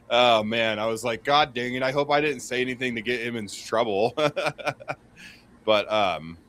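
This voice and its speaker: Lively, bright-voiced man in his thirties. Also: medium pitch, takes it slowly. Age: 30s. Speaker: guest. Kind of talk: casual livestream chat. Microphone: video call.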